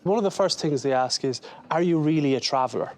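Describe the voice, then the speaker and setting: A man in his thirties with an Irish accent, talking in a measured, slightly hesitant way in an unscripted interview. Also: a little high, lively intonation, darkish tone. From Galway, Ireland. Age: 30s. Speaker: dinner guest.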